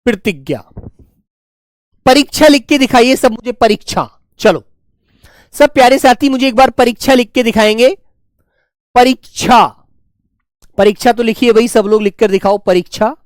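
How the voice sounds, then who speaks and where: A male teacher giving a spelling class, dictating words slowly and repeating each one, talking to pupils in a fatherly way. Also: very high-pitched, steady tone, dry recording, clean studio sound. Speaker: Hindi teacher.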